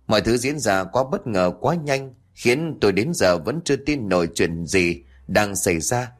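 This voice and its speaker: Male audio-story narrator, low voice, measured and earnest. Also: lively intonation. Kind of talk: scripted narration of a ghost story.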